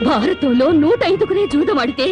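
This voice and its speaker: A woman's voice: high-pitched, expressive, fairly quick. An actress playing a young wife who bitterly reproaches her gambling husband in a film melodrama. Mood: scolding. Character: wronged young wife Janaki, proud and bitter. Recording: film soundtrack with loud music.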